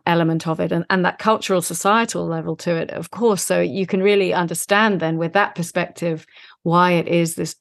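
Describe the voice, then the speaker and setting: Woman podcast host, gentle and affirming, low-ish pitch, level intonation. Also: no room sound, studio quality. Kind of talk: casual chat.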